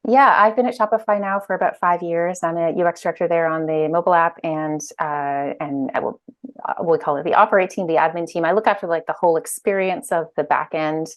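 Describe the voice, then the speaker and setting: A woman's voice: on the low side, fairly even intonation, a little fast. A woman in her thirties, a guest on a video-call interview, talking casually with many fillers and restarts. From Ireland and Canada. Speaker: guest, UX director and author. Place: bright room at home. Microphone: earphone mic on video call.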